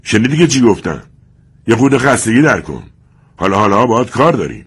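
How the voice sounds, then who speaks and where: A man voicing a brutal, mocking male secret-police agent who shouts sneering threats. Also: extremely low pitch, animated, slightly rough, exaggerated voice. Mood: sneering, shouting.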